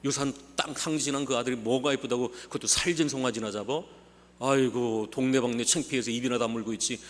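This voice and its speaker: A man's voice: mid-range voice, steady tone, a little fast, natural voice. A man voicing scornful villagers mocking a foolish father. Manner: scornful, sneering. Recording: long church hall reverb.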